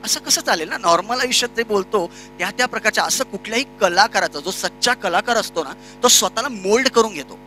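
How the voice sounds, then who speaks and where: A man lectures a workshop on voice acting. His voice sits high for a man and is strikingly bright, and he talks lively, jumping into quick demos. Faint music plays behind him. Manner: lively, switches between demo voices and plain explanation. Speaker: voice-over and radio workshop instructor. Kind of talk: workshop lecture with spoken demonstrations. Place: workshop room.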